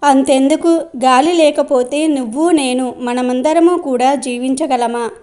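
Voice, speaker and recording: A woman voicing a wily old male sage in a storybook tale, coaxing and flattering. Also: sits high, measured pace, soft background music.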